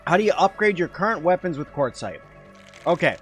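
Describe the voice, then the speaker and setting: Chatty male game streamer, higher voice. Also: big pitch swings, fairly quick, fairly bright tone, faint music behind. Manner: chatty, answers chat while playing. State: eating while talking at times. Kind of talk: casual live game commentary.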